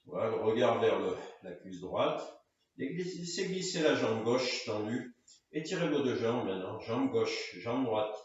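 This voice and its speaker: A man leading a guided floor-exercise session, giving calm, directive cues in short phrases. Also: mid-range voice, unhurried. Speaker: karate and fitness instructor. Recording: echoey room, distant mic, dull sound.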